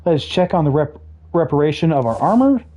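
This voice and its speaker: A game streamer chatting casually over gameplay, explaining mechanics with dry jokey asides, throat a bit rough with the odd cough. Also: mid-range voice, big pitch swings, fairly quick, mellow. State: throat trouble, occasional coughing.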